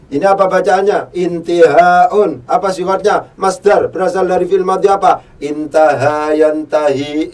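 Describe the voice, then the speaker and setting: Guy teaching arabic grammar, kinda high voice, a little off-mic, keeps quizzing and repeating. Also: a little mellow, distant mic. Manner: quizzing, repeats key phrases, chants verb paradigms slowly. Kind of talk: classroom lesson, recited conjugation drills.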